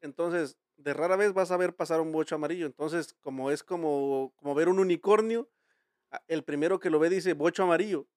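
A man's voice: on the high side, a little fast, no echo, studio quality. A Mexican man hosting a casual podcast chat, telling rambling, slang-filled stories with many restarts. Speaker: podcast host.

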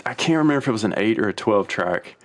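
A man who is a guest on a podcast, chatting casually about home recording. He rambles in a relaxed way, often restarting his sentences. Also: on the low side, fast talker. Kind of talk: casual chat.

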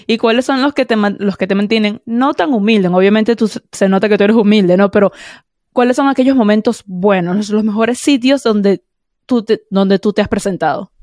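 A woman's voice: medium pitch, moderate pace, darkish tone, no room sound, studio quality. A woman hosting a podcast interview, asking loose, rambling questions in a friendly, laughing way. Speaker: podcast host. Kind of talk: casual interview chat.

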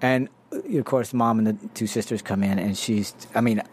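A man's voice: fairly low pitch, slight background noise. Chatty man recapping a TV episode. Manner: animated, quick to laugh, restarts a lot. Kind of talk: casual chat about a TV drama.

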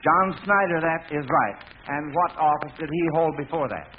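On a noisy, lo-fi vintage radio broadcast, a man with a fairly high voice hosts a 1940s quiz show. Speaking at a moderate pace, he addresses contestants in a formal announcer's style.

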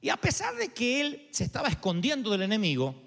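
A male preacher delivers a lively sermon with a high voice, and his pitch swings widely as he tells the story. He acts out each quote, and his words ring with a long reverb that fills a large hall. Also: fairly quick, gravelly. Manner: animated storytelling, acting out quotes.

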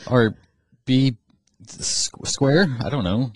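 A man's voice: medium pitch, slow pace. A man co-hosting a podcast, bantering casually, joking and laughing often. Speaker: podcast co-host.

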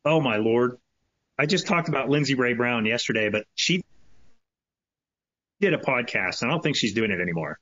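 A man's voice: mid-range voice, expressive, normal speed, long pauses, pushed and bright, no room sound. Laid-back man on a dull lo-fi line. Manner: laughs often, loose and joking. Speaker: podcast co-host. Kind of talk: casual chat. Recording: dull lo-fi sound with faint music.

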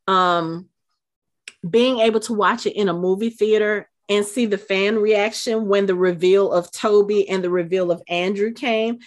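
A middle-aged woman co-hosts a casual podcast in a middle-pitched voice. She gushes with emotion and keeps restarting her sentences with fillers. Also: steady tone, measured pace. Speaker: podcast co-host.

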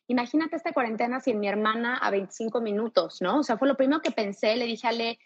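A woman's voice: fairly high pitch, quick pace, breathy edge, highs cut off. A woman from Mexico with a Mexican Spanish accent, a fitness coach talking candidly and energetically as a guest in an interview, swearing freely. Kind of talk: casual interview talk.

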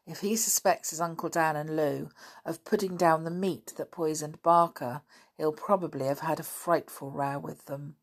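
A woman with a deep voice reads a storybook at normal speed, voicing a steady, sensible boy who leads his friends. She gives him a calm, reasoning manner.

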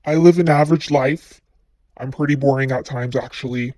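A man with a disguised voice, played back from a voicemail, calmly and frankly reading a personal confession. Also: mid-range voice, normal speed, no echo. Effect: disguised voice, masked by a voice changer. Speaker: listener leaving a voicemail.

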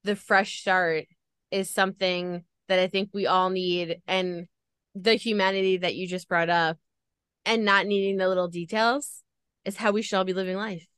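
A woman's voice: medium pitch, fairly even intonation, moderate pace, a bit bright, smooth, no echo, studio quality. A woman hosting a podcast interview, talking in a gushing, effusive way. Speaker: podcast host. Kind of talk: emotional interview chat.

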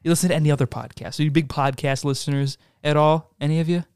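A man's voice: a little high, steady tone, fast, a little mellow, clear, resonant tone, no echo. Joking male podcast host, dry studio sound. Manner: loose, joking, swears freely. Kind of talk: casual podcast chat.

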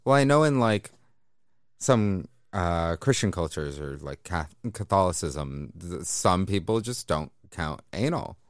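A man's voice: low voice, animated, a little slow, no echo, studio quality. A man in a casual chat, asking playful, teasing questions.

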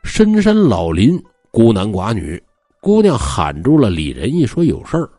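A man telling a ghost story in a lively, folksy manner, with a husky voice. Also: on the low side, unhurried, no room sound, studio quality, soft background music.

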